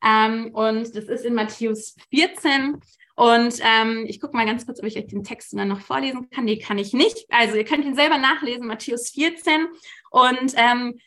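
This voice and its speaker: Relaxed colloquial woman giving a devotional talk. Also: on the high side. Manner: colloquial, relaxed, frequent "ähm" fillers. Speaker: church speaker.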